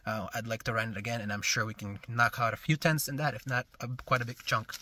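In this casual walkaround vlog, a shop owner in his thirties tours his car in the garage and then as he drives, the camera held at arm's length. He talks quickly at medium pitch, relaxed and rambling with lots of ums, and there's a little hiss or hum.

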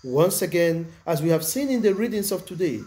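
Man preaching a measured, emphatic sermon. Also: on the high side, lively intonation, mellow.

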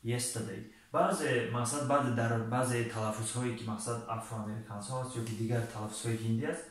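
A man teaching an online English lesson. He reads English sentences slowly and deliberately, then translates and explains them. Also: mid-range voice, fairly even intonation. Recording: echoey room, voice far from mic.

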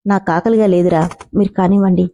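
A woman's voice: mid-range voice, fairly even intonation, fast talker, warm tone, muffled recording, lightly acted. A woman voicing a heartbroken, stubborn young man who insists he is right, in a spoken storybook. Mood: sorrowful. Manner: pained, insistent.

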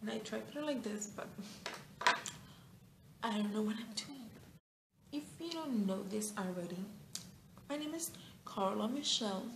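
With lively intonation and a moderate pace, the gravelly mid-range voice of an eighteen-year-old woman comes through, broken by long pauses. She's a beauty vlogger and native Spanish speaker with a Mexican accent, chatting casually to camera with fillers, restarts and giggles in a small, bright room. There's reverb and a little hiss or hum.

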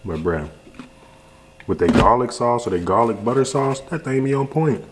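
A young adult American man, working as a food reviewer and video host, chats casually to the camera while eating in his home kitchen, giving a laid-back, slangy review. His mid-range voice is animated and moves at a moderate pace over a noisy background.

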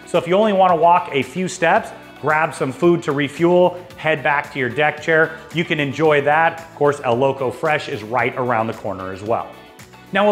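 A travel agency host in his forties, with a fairly high and slightly bright voice, gives an enthusiastic cruise overview to camera. Speaking upbeat and salesy with personal asides, he wears a lapel mic indoors against a dark studio backdrop, with faint music behind him.

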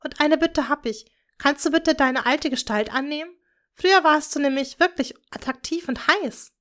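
Lady doing a young witch girl, earnest and eager, a bit higher than her reading voice. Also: normal speed, a bit bright. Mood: gentle.

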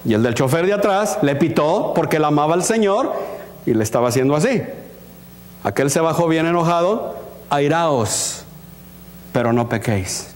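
A pastor preaching a sermon in a church, asking the congregation questions, acting out little scenes and slipping in English words. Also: male voice, a little high, a little fast. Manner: animated, asks the congregation questions and acts out scenes. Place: church hall. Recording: long reverb of a church hall.

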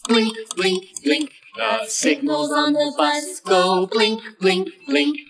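A woman sings a children's nursery song in a simple sing-along style, repeating the words again and again. Her voice is high, slow and creaky with lively intonation, set back from a distant mic over loud backing music.

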